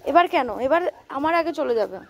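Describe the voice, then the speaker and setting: A woman's voice: high-pitched, animated, fast, gravelly, very noisy. A woman talking to her dog on a street walk. She scolds and coaxes it, repeating short commands over and over. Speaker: dog owner. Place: outdoors on a street.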